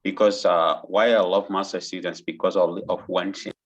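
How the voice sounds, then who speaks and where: A middle-aged man with a Sudanese accent introduces himself in an online interview, earnest and halting, often rephrasing as he goes. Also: sits low, steady tone, dull audio, a little hiss or hum. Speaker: interview candidate, doctoral student.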